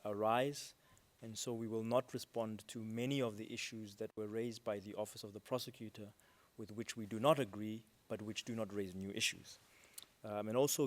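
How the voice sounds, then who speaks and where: A man speaking as counsel for a state at an international court hearing, giving a formal legal argument in a measured way with frequent ums, recorded on a desk microphone in a courtroom. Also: mid-range voice. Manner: measured, with frequent ums and stresses on key words.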